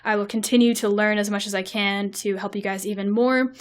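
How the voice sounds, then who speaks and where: A woman's voice: medium pitch, steady tone, a little fast. A young woman giving casual gameplay commentary and advice, chatty with frequent fillers. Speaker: mobile game video creator.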